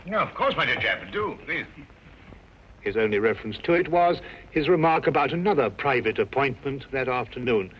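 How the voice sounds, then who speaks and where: A man's voice: medium pitch, expressive, normal speed, slight background noise, close to an everyday voice. An actor playing an earnest, loyal male doctor companion, stammering and hesitant in scenes and narrating in voice-over. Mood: flustered. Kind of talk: TV drama acting with voice-over narration. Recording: dull lo-fi TV soundtrack.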